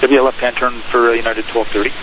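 Brisk male tower controller on tinny radio. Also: medium pitch, little pitch movement. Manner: brisk procedural calling of headings and clearances. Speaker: air traffic tower controller. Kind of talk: aviation radio communication, clipped instructions. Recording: tinny radio channel with clear hiss.

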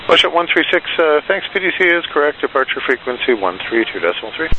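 A man's voice: fairly high pitch, big pitch swings, fast talker. A male air traffic controller giving clipped, procedural instructions over the radio. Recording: dull radio audio, faint hiss.

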